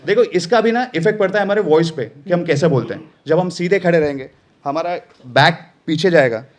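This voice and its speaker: Male workshop trainer, high voice, emphatic and playful delivery. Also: a little fast. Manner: animated, emphatic, playful teaching. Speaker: voice-over trainer. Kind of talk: live workshop lesson.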